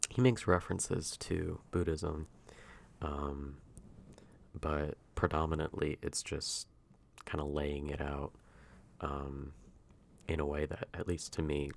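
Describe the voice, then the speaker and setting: A man speaking softly and intimately, close in a soft voice, in a drifting, hesitant ASMR ASMR role-play ramble. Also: rumbling low, little pitch movement, takes it slowly, vocal fry. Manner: hushed, intimate, near-soft voice at times.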